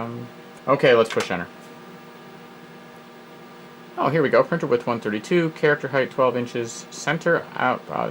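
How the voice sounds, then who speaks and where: A retro computer hobbyist hosts a video, thinking out loud as he works through an old program and tossing in wry little asides while reading the prompts. His voice is mid-range with a fairly bright tone, on a rough recording with slight background noise.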